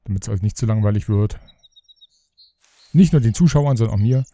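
A man's voice: lowish voice, moderate pace, dark tone, dry recording. A man hosting a let's play, chatting casually and grumbling to himself as he builds. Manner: rambling, grumbles to himself, mutters asides. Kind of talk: casual gaming commentary.

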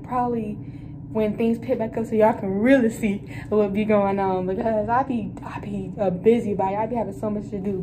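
A young woman, a college student, vlogging her day around campus in a chatty, slangy way, talking straight to her viewers. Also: mid-range voice. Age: young adult. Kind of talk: casual vlog chat. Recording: noisy campus background.

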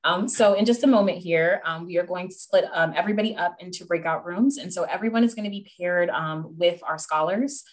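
A woman's voice: lowish voice, brisk, few pauses. A woman on admissions staff explaining breakout rooms on a video call, with many filler ums. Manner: many ums, friendly and organized.

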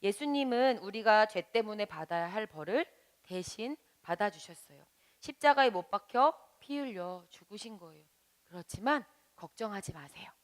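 Lively-voiced woman teaching a children's Bible lesson. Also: medium pitch, moderate pace. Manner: gentle, explaining, asks children questions. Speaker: Sunday school teacher.

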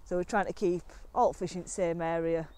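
A young woman chatting casually to camera while fishing outdoors on a lakeside bank, excitable and relaxed. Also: fairly low pitch, brisk, clean tone. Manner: chatty and excitable, talking to camera between catches. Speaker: angling vlogger.

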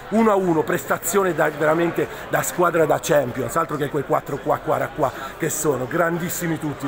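Middle-aged male football fan, very high-pitched, coarse Neapolitan street slang, taunting rants and chants over a loud outdoor crowd. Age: 40s. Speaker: football fan filming himself. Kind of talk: ranting, chanting selfie vlog. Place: busy city street at night, outdoors. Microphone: phone at arm's length. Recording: noisy street crowd, handheld phone.

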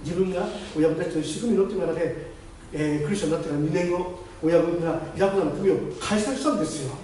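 A high-pitched male pastor tells his testimony at a brisk clip, acting out the other voices in his story. His voice is picked up from some distance in a heavily reverberant chapel, with faint noise underneath. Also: mellow. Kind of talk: testimony sermon. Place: church chapel. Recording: very echoey hall, distant mic, faint noise.

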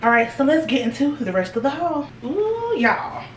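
A woman's voice: on the high side, expressive, fairly quick. A young woman, chatting casually to viewers as she tries on clothes in a fashion haul. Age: 20s. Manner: chatty, talks straight to viewers. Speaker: fashion vlogger. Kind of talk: casual try-on haul chat. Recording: echoey room, voice a little far from the mic.

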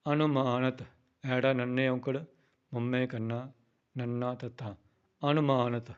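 A man giving a slow recitation lesson, chanting verses and then spelling out words in a plain teaching voice. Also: mid-range voice, little pitch movement, clean tone, dull audio. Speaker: Gurbani pronunciation teacher.

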